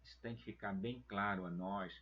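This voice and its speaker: A man with a low, husky voice teaches a church Bible lesson. He speaks very slowly, with a deliberate, pastoral manner. The recording sounds dull and lo-fi. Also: steady tone. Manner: slow, deliberate, addresses listeners as beloved brethren.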